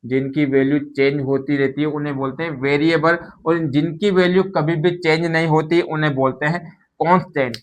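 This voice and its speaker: A maths teacher works patiently through a lesson, his voice a little higher than most men's and fairly bright. As if addressing a class, he keeps posing questions and answering them himself.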